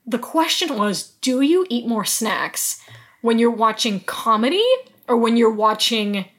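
A woman's voice: a little high, measured pace, fairly bright tone. A young adult woman co-hosting a podcast, chatting playfully and laughing often while recapping a TV episode. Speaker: podcast co-host. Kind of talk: casual chat recapping a TV episode.

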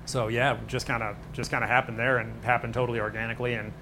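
A man's voice: mid-range voice, flat delivery, quick pace. A man from the Buffalo area of New York, a restaurant owner, chatting casually and informally in an interview. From Buffalo area, New York, United States. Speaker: pizza restaurant owner and bartender. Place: on location at his restaurant. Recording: noisy location with background ambience.

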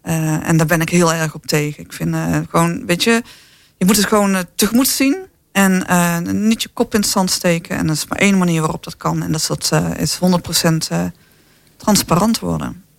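A man from the southern Netherlands speaking in a panel discussion, lively and full of fillers and rhetorical tags. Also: high voice, fairly quick, vocal fry, no echo. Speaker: company representative.

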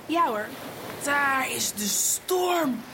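A woman telling a Bible story to children, animated, asking them questions, voicing sound effects and dropping into whispers. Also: high voice, extremely slow, gravelly, noisy background.

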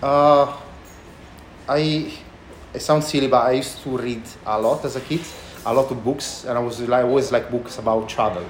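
With a thick Italian accent, this chef and restaurant owner from Italy answers casual interview questions in halting, non-native phrasing. He has a mid-range voice with a steady tone, recorded in an echoey room with background noise.

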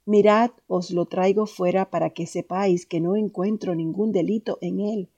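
A woman's voice: mid-range voice, fairly even intonation, normal speed, dark tone, dull audio, lightly acted. A woman reading a stern Roman governor. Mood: questioning.

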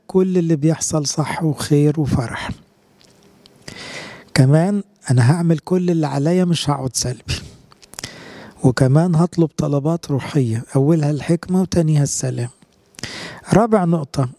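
A man's voice: on the high side, warm tone, no echo. A middle-aged man with an Egyptian Arabic accent, a priest preaching a sermon in a colloquial, conversational way, full of rhetorical questions.

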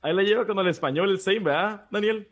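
Man, northern Mexican accent, rough husky voice, slightly raised pitch, casual co-host conversation. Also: fast, muffled recording. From Baja California, Mexico. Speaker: podcast co-host.

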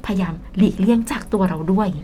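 A woman's voice: medium pitch, quick pace, dark tone, a little hiss or hum. A Thai woman with a Thai accent co-hosting an English lesson show, explaining words in Thai and mixing in English, often laughing. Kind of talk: bilingual radio English lesson chat.

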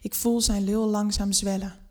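A woman narrates a first-person erotic story, unhurried and intimate. Her reading is scripted and steady, and it drops to a near hush at times. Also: mid-range voice.

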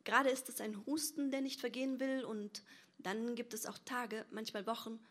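A woman voicing a reluctant, sullen fifteen-year-old girl with a hoarse voice. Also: a little high, fairly even intonation, moderate pace, fairly bright tone, lightly acted.

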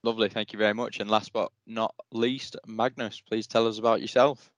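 Low-voiced man hosting a podcast. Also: flat delivery, no room sound. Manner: polite, brisk introductions. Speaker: podcast host. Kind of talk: hosted panel podcast.

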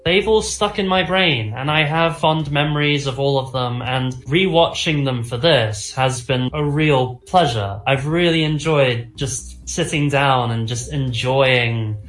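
A man talking casually about films with rambling, animated enthusiasm, as a host does. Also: medium pitch, measured pace, few pauses, reverberant, faint music behind. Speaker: film discussion host. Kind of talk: casual enthusiastic film chat.

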